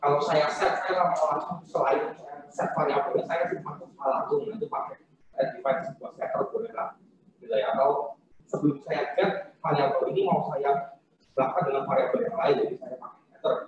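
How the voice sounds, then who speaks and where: A man giving an online programming lecture, explaining step by step in a relaxed way, his voice drowned in heavy hall-like echo. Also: a little high, normal speed, a little hiss or hum. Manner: relaxed, explaining step by step with frequent tag fillers. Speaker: university lecturer. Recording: very echoey, distant, dull online-class audio.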